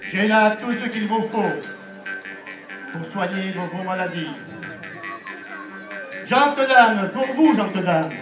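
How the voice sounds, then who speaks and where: Heard from a distance with echo and music, a man acts out a medieval town crier selling herbal cures. He declaims theatrically in a very high-pitched voice, stretching out his street patter like a grand proclamation. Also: fairly bright tone, exaggerated voice. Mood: proclaiming, salesmanlike. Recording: distant, echoing outdoor event recording with music.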